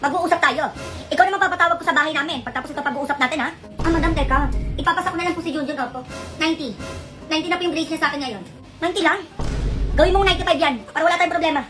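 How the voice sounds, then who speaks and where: Brief: high-voiced woman, bickers at breakneck speed in a comedy skit. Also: over music. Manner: rapid, bickering back-and-forth. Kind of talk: comic sketch acting.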